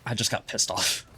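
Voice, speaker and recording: A man coaching a player through their gameplay in a casual, blunt way, full of "like" fillers. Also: bright, forceful tone. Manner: blunt, chatty, lots of fillers like "like". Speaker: game coach.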